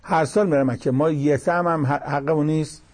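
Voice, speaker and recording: A man's voice: a little high, steady tone, darkish tone. A man giving a religious lecture, explaining verses in a plain conversational teaching manner with quoted asides. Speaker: cleric.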